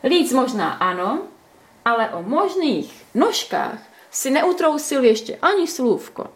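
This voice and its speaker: A woman reading a story aloud, voicing an excitable, easily offended young woman in a high, indignant voice. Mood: indignant, playful. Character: lively, touchy young woman playing a game.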